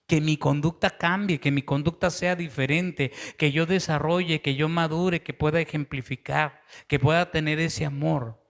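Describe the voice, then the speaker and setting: A pastor with a Mexican accent delivers an earnest sermon, his voice sitting a little higher than most men's. He tells stories and shifts into the voices of the people in them. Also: steady tone, normal speed, few pauses. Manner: earnest preaching, acts out quoted voices in the story. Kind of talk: sermon with a told story.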